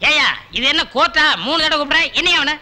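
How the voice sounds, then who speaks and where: A man acting a tea shop owner in a Tamil film comedy, brash and scolding with quick retorts. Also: very high voice, steady tone, bright, forceful tone.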